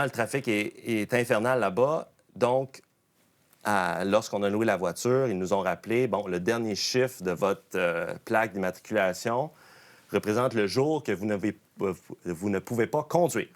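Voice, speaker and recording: Quebec guy, pro golfer on a podcast, lowish voice, keeps restarting sentences as he tells his story. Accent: Quebec French. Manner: lively storyteller, frequent restarts and self-corrections. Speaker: guest, professional golfer. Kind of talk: casual podcast anecdote.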